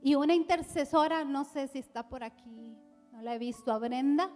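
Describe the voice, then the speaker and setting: A Costa Rican woman pastor preaching a sermon with passion, rising from soft to loud. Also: sits high, normal speed, faint music behind. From Costa Rica. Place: church hall with worship music. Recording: live church hall reverb.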